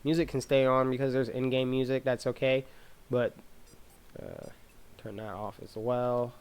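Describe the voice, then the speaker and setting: A man's voice: medium pitch, fairly even intonation, measured pace, a little mellow, clear, resonant tone. A man doing casual, slangy gameplay commentary as a let's-play host, thinking aloud. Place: voice-over with game sound and music behind.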